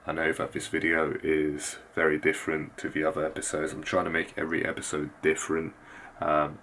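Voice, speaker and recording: A man keeping his voice very low and hushed, talking casually to viewers in a home vlog. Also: creaky, slight background noise. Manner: very low, hushed voice so as not to wake others. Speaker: fitness vlogger and host. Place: indoors at home at night.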